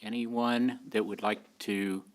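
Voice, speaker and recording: A man chairing a city planning meeting, measured and courteous as he thanks speakers. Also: lowish voice, level tone. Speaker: commission chair.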